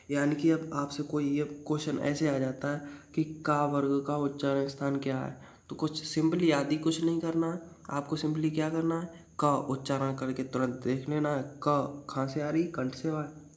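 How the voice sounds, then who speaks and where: Man teaching in a flat, higher voice. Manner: asks a question and answers it himself; demonstrates sounds by saying them aloud. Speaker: Hindi grammar teacher. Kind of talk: classroom-style explanation.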